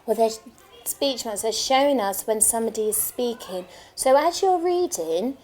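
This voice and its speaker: Woman teacher, encouraging small-group reading coach, higher pitched, mellow tone. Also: lively intonation, normal speed. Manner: patient, encouraging, asks children questions. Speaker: primary school teacher. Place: classroom.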